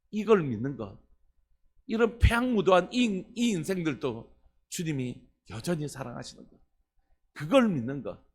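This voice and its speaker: Korean pastor guy preaching, voice rises and falls a lot, kinda high. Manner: earnest preaching, asks the congregation questions. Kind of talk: sermon.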